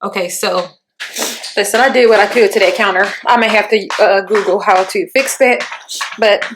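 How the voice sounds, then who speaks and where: A woman's voice: mid-range voice, normal speed, noisy background. A young woman, chatting loosely through an at-home beauty tutorial in her kitchen and swearing casually. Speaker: beauty vlogger.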